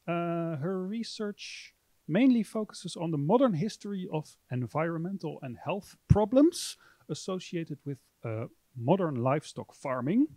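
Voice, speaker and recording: In a library, a man in his thirties introduces a public university lecture as host, talking hesitantly with lots of fillers into a handheld mic. His voice sits a little high with a warm tone, and there's no echo.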